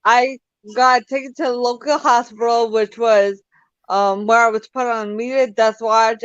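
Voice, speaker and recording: A woman's voice: on the high side, no room sound. Young woman telling her story over a muffled call. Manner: halting, many restarts and fillers. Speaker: guest. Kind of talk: personal story in an interview. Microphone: video call. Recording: dull lo-fi call audio.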